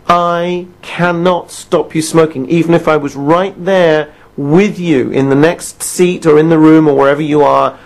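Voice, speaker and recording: A man teaching a stop-smoking lesson, talking to the listener in an emphatic, conversational way and often checking in with quick questions. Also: a little high, a little mellow. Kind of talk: self-help audio lesson.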